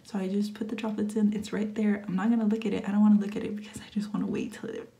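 A woman's voice: medium pitch, level tone, racing, gravelly, warm tone. A woman in her twenties whispering a late-night vlog at home into her phone, nervous and rambling. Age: 20s. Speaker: vlogger. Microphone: phone camera.

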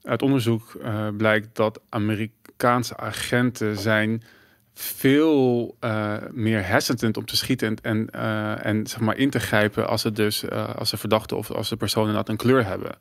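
A man's voice: on the low side, little pitch movement, normal speed, gravelly, dry recording, studio quality. A man hosting a casual podcast discussion, thinking aloud and repeating words as he searches for them. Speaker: podcast host.

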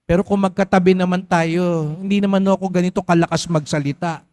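A Filipino priest giving a sermon in a large church, asking his congregation questions and having them repeat phrases, rising loud on key points and dropping low and soft for emphasis. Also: fairly even intonation, brisk. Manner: engages congregation with questions and call-and-response. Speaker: parish priest.

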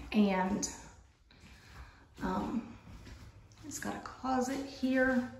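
Filming on a handheld phone, a vlogger gives a casual, chatty tour of an empty model mobile home, rambling with many fillers. Her voice is medium-pitched and darkish, with slight background noise.

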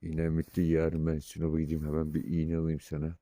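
A man who is a shepherd vlogger, talking casually to viewers at night outdoors on a phone camera, calling loudly to his dog between calm updates. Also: a bass voice, brisk, no room sound. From Turkey. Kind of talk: casual vlog talk to viewers.

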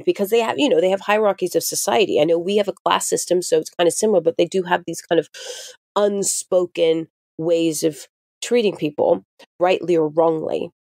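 Lowish dry-voiced woman telling stories. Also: darkish tone, no echo. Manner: chatty storyteller with dry asides. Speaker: podcast guest, comedian. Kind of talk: casual podcast chat.

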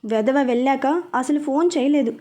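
A woman's voice: sits high, normal speed, dark tone. A woman reading a story, voicing a young man who coaxes and apologizes to his fiancée. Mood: tender. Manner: coaxing, apologetic.

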